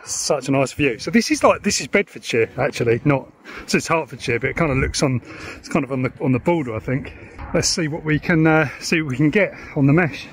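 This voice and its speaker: A middle-aged Englishman gives casual handheld vlog commentary, thinking aloud informally in a slightly high, fairly quick voice. He moves between a parked car and an open grassy hilltop, with clear ambient location noise.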